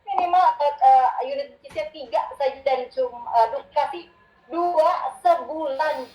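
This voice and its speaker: A woman with a high, mellow voice co-hosting a casual business chat. She keeps affirming and echoing what the other speaker says. The room is echoey. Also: moderate pace. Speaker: co-host.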